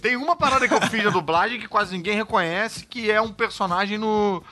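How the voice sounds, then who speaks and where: A man, an actor and voice actor, chatting casually and telling animated stories with quick asides. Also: high voice. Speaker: actor and voice actor guest. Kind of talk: casual conversation.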